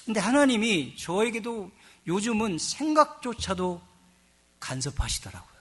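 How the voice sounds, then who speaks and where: A middle-aged man preaching a sermon as pastor. He swings between hushed asides and loud emphasis and acts out quoted voices in a chatty, joking tone. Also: sits high, sing-song, moderate pace, breathy edge.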